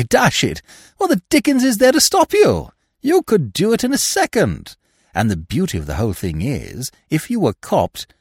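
Man voicing high-pitched excitable young swell, chatty, storybook, close dry mic. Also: husky, no room sound, heavily acted. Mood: excited. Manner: eager, chattering, high-spirited. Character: excitable, breezy young upper-class Englishman.

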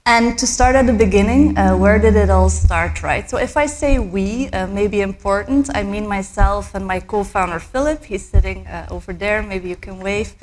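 A woman's voice: medium pitch, moderate pace, few pauses, a little mellow. A woman in her thirties from Belgium, a startup co-founder giving a conference talk, hesitant with many fillers, and she has a cold. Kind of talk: conference presentation.

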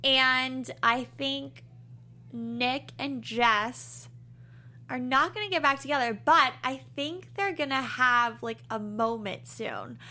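A young woman with a high, bright voice. She speaks in a casual, conversational way, as a co-host on a chatty recap podcast. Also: slow.

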